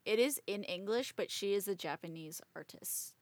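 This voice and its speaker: A woman hosting a casual podcast, talking in an animated way. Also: medium pitch, normal speed, dry recording. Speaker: podcast host and editor. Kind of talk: casual chat.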